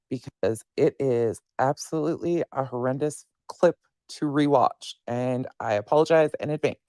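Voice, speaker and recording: Brief: woman under a voice-changer effect, smooth and dry, blunt exasperated commentary creator. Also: very deep voice, warm tone, dry recording. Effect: voice changer disguising her voice. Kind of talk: reaction commentary.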